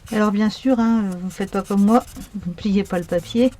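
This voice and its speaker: Woman, card-making tutorial, mellow dark tone, chatty, lots of fillers, mid pitch. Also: normal speed, a little hiss or hum. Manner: chatty, thinking aloud with many fillers. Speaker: craft tutorial host. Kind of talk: crafting tutorial narration.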